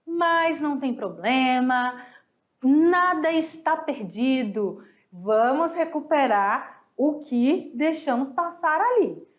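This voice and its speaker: The audio is dull, and the woman's voice is high-pitched. She's a Spanish teacher from Brazil giving a recorded review lesson, affectionately chatting with her "galera" and explaining things step by step through paired examples.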